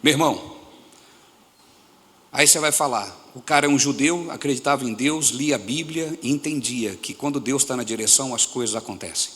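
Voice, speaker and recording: A man with a Brazilian Portuguese accent preaching a sermon to his congregation in a church hall, animated and often throwing questions at the listeners. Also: mid-range voice, moderate pace. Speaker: pastor.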